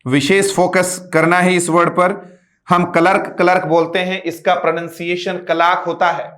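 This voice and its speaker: Male grammar teacher, Rajasthani Hindi accent, high voice, steady flat delivery. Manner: drills students, repeats "ठीक है" and "मित्रों"; reads example sentences slowly. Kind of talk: classroom lesson.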